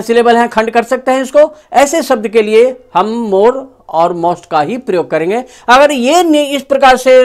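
A grammar teacher giving a lesson in Hindi. The teacher explains rules slowly and stretches words out while writing. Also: mid-range voice. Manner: slow, drawn-out dictation while writing. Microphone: phone on a tripod with a clip-on mic.

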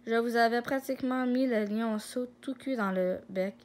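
A woman voicing a scheming villainous male lion, speaking in a lower, softer, sly voice. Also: moderate pace, natural voice.

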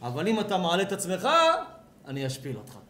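A man, a rabbi, giving an animated sermon at a home gathering, asking the audience questions and acting out voices. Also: sits high. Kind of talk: lively sermon at a house blessing.

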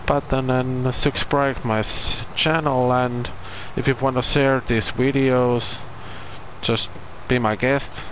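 In a rough recording with a little hiss or hum, a Finnish gaming channel host talks through farming gameplay at a slow pace. His medium-pitched voice is a bit bright and barely moves in pitch. Casual and non-native in English, with a Finnish accent, he often searches for words.

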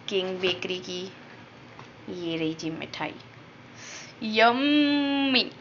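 Filming a casual home cooking vlog on a phone held in her hand, a young woman talks to her viewers from her kitchen in a chatty, upbeat way, speaking to them directly. Her mid-range voice sounds pushed and bright, though the recording is muffled with slight background noise.

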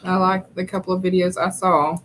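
A woman's voice: fairly low pitch, flat delivery, brisk, a bit bright, slight background noise, rough recording. A woman from southwest Arkansas with a Southern accent, giggling as she reads viewer comments aloud in casual chat. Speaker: livestream co-host.

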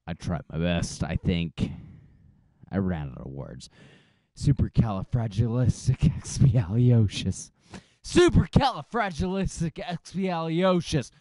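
A man talks casually to a livestream in a dark, relaxed tone. He takes his time over his words, and the sound is dry. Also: extremely low pitch, measured pace, no room sound. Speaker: amateur voice-over performer. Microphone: microphone through a mixer.

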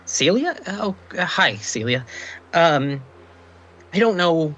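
A man's voice: a little high, very animated, a bit bright, highs cut off, pitched above the performer's own voice, exaggerated voice. A man voicing a stammering timid young girl. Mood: timid nervous. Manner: halting, stammering, nervous.

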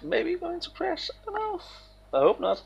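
Excitable gravelly gamer guy. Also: very high voice, moderate pace, muffled recording. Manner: jokey, excitable, exclaims and laughs. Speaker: gamer playing on video. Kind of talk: casual let's play commentary.

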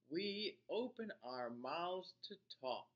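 A middle-aged man with a high voice reads a picture book aloud to young children. He's expressive and deliberate, stopping now and then to ask his listeners questions.

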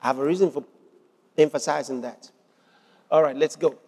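A high-voiced male preacher delivering a sermon with fervent emphasis, repeating phrases and rising into shouts. His voice rings with the long reverb of a large hall. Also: fairly even intonation, normal speed.

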